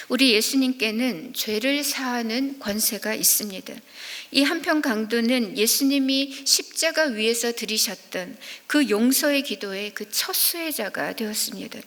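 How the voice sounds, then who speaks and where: A woman preacher delivers a sermon in an earnest, measured way. Her voice sits a little high and carries a long reverb off the church hall walls. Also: fairly bright tone. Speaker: evangelist preacher. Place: church sanctuary.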